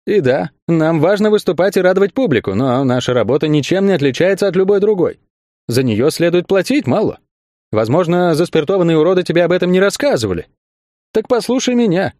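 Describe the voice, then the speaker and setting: A man voicing a calm, firm young acrobat who argues steadily. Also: high-pitched, a little fast, dry recording. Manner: steady and persuasive.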